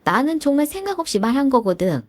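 A woman's voice: high voice, very animated, fast talker, no room sound, clean studio sound, pitched above the performer's own voice. Woman voicing a whiny pushy older mother-in-law. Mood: pleading, pushy. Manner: whiny, wheedling, guilt-tripping. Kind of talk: storybook drama reading.

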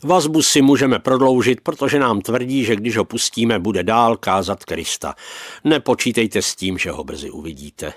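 A man's voice: on the low side, dry recording, studio quality, close to an everyday voice. A man reading the lines of a cynical male prosecutor in an audiobook, curt and scornful.

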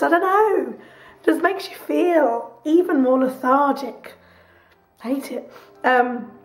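Hoarse, chatty woman vlogger. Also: high voice. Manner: chatty, rambling, laughs often. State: hoarse, croaky from a cough. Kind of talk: chatty video diary. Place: home, sofa in front room.

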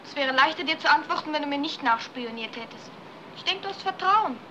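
A woman's voice: high-pitched, animated, fairly quick, pushed and bright, dull audio. An actress playing a young woman in a 1950s film, proud and defensive in love. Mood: irritated. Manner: defensive, then wistful. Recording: old film soundtrack with clear hiss.

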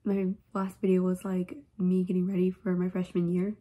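Filmed on a phone camera in her bedroom, a teen girl who does makeup vlogs chats casually through her vanity, rambling with plenty of fillers while dealing with a stuffy, runny nose. Her lowish voice is warm but monotone, moving at normal speed.

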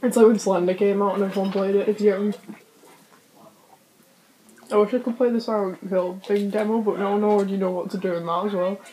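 Easygoing young woman, unhurried chat. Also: mid-range voice, fairly even intonation, dark tone, slight background noise, rough recording. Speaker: co-host friend. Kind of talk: casual chat.

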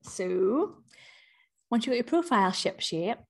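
A woman's voice: mid-range voice, measured pace, husky. A middle-aged woman with a Northern Irish accent giving a chatty, upbeat webinar presentation as a business coach. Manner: chatty, upbeat, lively emphasis.

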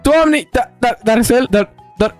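A male gaming host giving excitable, scolding, exclamatory play-by-play commentary. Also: extremely high pitch, soft background music.

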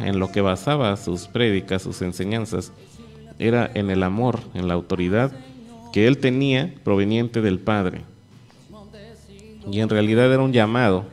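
Hombre predicando con voz grave y música tenue. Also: male voice, fairly low pitch. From Mexico. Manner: earnest, measured preaching with repeated thanks. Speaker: pastor. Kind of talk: sermon.

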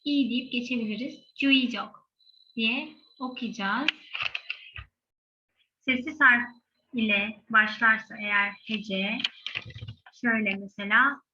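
Slow, high-voiced woman teaching pronunciation. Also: steady tone, lo-fi sound, background noise. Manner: models sounds slowly, repeating them. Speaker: Korean language teacher. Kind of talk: explaining Korean pronunciation.

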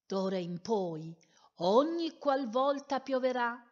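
The rain, a wise female figure in a children's storybook, scolds and guides in a slow, lively voice, as a woman voices her. Her tone rises high, and the sound is slightly dull and lo-fi. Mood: stern.

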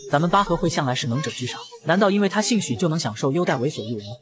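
A man's voice: a little high, animated, rapid-fire, lightly acted. A man voicing a defiant older gang director who speaks in an indignant, challenging way.

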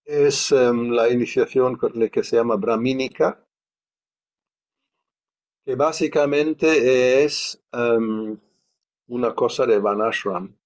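A man's voice: mid-range voice, slow pace, long pauses. A man teaching a study class in a conversational way, thinking aloud and questioning as he goes.

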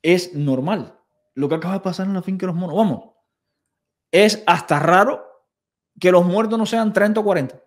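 Male reaction commentator, indignant and sarcastic, slightly high pitch. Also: fast, a little mellow. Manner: sarcastic, indignant, repeats quoted phrases mockingly. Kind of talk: video commentary.

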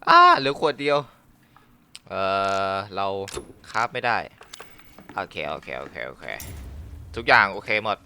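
A man talks his way through a horror game, muttering plans to himself and breaking into shrieks when something jumps out. His pitch swings widely between low mutters and high yelps. A clear hiss of noise sits under his voice throughout. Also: very animated, measured pace, long pauses, sharp tone. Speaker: gaming streamer. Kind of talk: let's play commentary.

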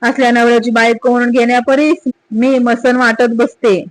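A distraught village wife, as a woman reads her out reproaches bitterly in rough country speech. The voice is high and dry. It is a spoken storybook. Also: level tone, normal speed, no room sound, lightly acted, poor audio. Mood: reproachful. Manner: reproachful, rustic dialect.

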